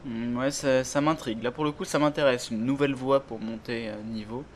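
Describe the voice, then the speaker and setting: A man's voice: medium pitch, steady tone, fairly quick, slight background noise. A man hosting a casual gaming podcast, chatty, with many fillers and self-corrections. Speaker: podcast host.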